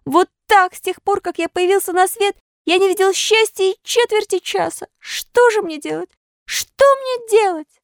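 A high, childlike wooden puppet boy, played by a woman reading a storybook, stubborn and cheeky. His voice squeaks far above an ordinary speaking voice and swings widely. The sound is dry and close. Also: expressive, moderate pace, fairly bright tone, no echo. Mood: wailing. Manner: high squeaky childlike voice, wailing when upset.

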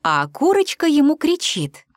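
A woman reading a children's fairy tale aloud in an expressive, sing-song way. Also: high-pitched, unhurried, no room sound, studio quality. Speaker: storyteller.

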